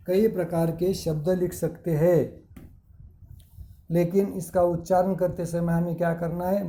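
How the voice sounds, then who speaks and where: A male schoolteacher records a grammar lesson for his pupils, reading words out one at a time and explaining each point with care. His voice sits a little high for a man, yet it sounds mellow, and he talks very slowly. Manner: slow, deliberate word-by-word reading with explanations. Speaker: school teacher. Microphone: screen recording with device mic.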